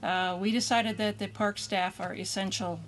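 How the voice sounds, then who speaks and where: A woman emcees an outdoor park ceremony, reading names and chatting casually with plenty of fillers. There is clear background noise around her voice. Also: medium pitch, steady tone, normal speed. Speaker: board member emceeing a dedication ceremony. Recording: noisy outdoor recording.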